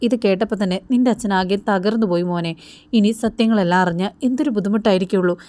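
A woman's voice: mid-range voice, fast talker, mellow, no echo, close to an everyday voice. A woman voicing a worried older uncle who earnestly pleads with his nephew. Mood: pleading.

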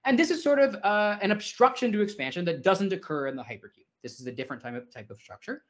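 A man with a slightly high voice delivers a theory seminar in an informal, thinking-aloud way. He hedges with "sort of" and corrects himself mid-sentence as he explains. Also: animated, fast. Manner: informal, hedging with "sort of" and restarts. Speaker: invited speaker. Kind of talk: academic seminar lecture.

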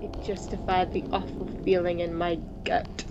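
A gaming video host with a fairly low, mellow voice reads visual novel narration at normal speed in a flat delivery, playfully chatting in between and sometimes fumbling the words. Her home mic is noisy and muffled.

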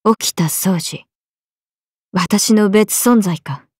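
In a dry, studio-quality recording, a woman voices a young swordswoman in a video game, a character made up of a lively young swordswoman and her stoic alter self. Her mid-range voice has a breathy edge and drawn-out words, and she sounds calm and blunt.

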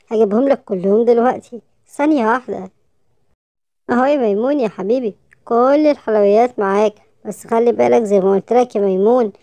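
A woman voicing a kindly grown-up uncle with an Egyptian Arabic accent, gently warning a child in a storybook. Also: on the high side, no echo, lightly acted. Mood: gentle. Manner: gentle scolding, affectionate.

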